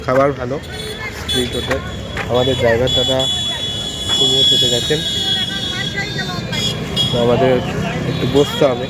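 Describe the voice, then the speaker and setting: A man with a Bengali accent, chatting casually and haltingly as a travel vlogger outdoors by a road and in a forest. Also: level tone. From West Bengal, India. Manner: chatty, halting, lowers voice to stay quiet. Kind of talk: casual vlog narration. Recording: outdoor noise behind.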